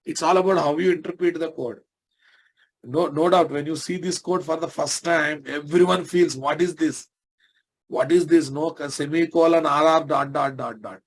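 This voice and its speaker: A man with a Telugu Indian accent and a slightly higher-pitched voice teaches programming. He talks informally and conversationally, as an instructor in a live lesson. He often addresses his listeners directly and puts checking questions to them.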